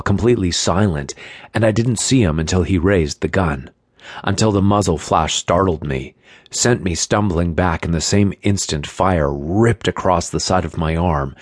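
A man narrating an audiobook in the first person, with a steady, tense telling. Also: low-pitched, slightly rough, no echo, clean studio sound.

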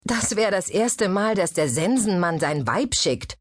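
A woman's voice: low voice, animated, a little slow, breathy edge, dry recording, studio quality, heavily acted. A woman voicing a mocking, coarse young woman of the streets in an audiobook. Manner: scornful, coarse. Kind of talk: audiobook character voice.

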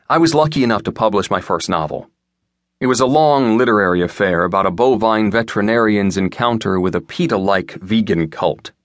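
Low, wry male audiobook narrator. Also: fairly bright tone, no echo. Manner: wry, dry first-person storytelling. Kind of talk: scripted narration. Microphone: close studio mic.

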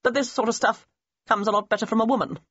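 A woman playing a brisk high-voiced lady spy. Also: steady tone, fairly bright tone, no room sound. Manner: crisp, firm and clipped. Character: brisk, unflappable woman spy trainer with a cigarette holder. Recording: slightly muffled audio.

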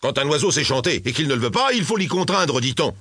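A man voicing a gruff, scornful older toy merchant in a storybook reading. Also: a little high, big pitch swings, fast, fairly bright tone, no echo, clean studio sound, voice pushed up, heavily acted. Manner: grumbling, scornful, curt.

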